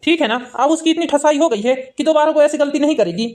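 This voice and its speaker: Soothing cartoon husband, quick and high-pitched, a woman voicing him. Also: a little mellow, lightly acted. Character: calm adult husband soothing his wife. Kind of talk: cartoon family drama voice acting.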